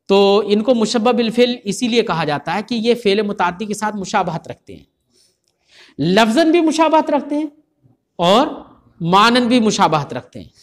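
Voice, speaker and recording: Male grammar teacher, high-pitched lecturer who keeps checking the class understands. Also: fairly bright tone. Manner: keeps quizzing listeners with rhetorical questions.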